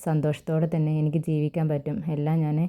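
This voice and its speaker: A woman's voice: low-pitched, completely flat delivery, fast, clear, resonant tone, phone-quality sound, lightly acted. A woman voicing a young newlywed wife who speaks in a soothing, reassuring way.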